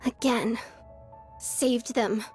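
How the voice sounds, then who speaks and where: High slow girlish voice, sullen android soldier, bitter, halting, anime game, music behind. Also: fairly even intonation, darkish tone. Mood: bitter, brooding. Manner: halting, refers to herself in third person. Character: sullen, bitter young android girl soldier, simmering with grief.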